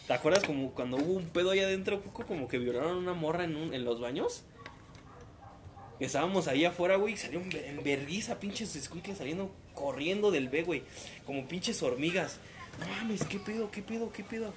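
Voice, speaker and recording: Animated young Mexican guy telling stories. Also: a little high, brisk, noisy background. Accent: Mexican Spanish. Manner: animated storytelling, slangy, acts out quotes. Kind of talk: casual chat among friends.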